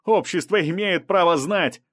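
Man playing a pushy male reporter, insistent, shouting, raised higher voice, dry audiobook sound. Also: fairly quick, no room sound, lightly acted.

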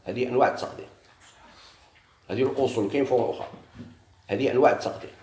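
A man's voice: mid-range voice, very fast, darkish tone, reverberant, a little hiss or hum. A man with a Moroccan accent teaching a grammar lesson, asking questions and answering them himself. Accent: Moroccan Arabic.

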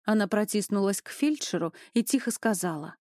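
A woman narrating a story in an expressive storytelling manner, close to the mic. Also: mid-range voice, fairly quick, no echo. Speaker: audiobook narrator. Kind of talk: scripted narration.

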